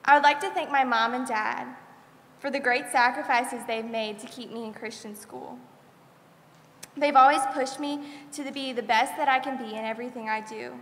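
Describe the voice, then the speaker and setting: A woman's voice: fairly high pitch, fairly even intonation, moderate pace, a bit bright. A graduating senior girl in her late teens sincerely reading a devout farewell speech at a school chapel podium. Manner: sincere, devout thank-yous. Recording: echoey chapel with long reverb.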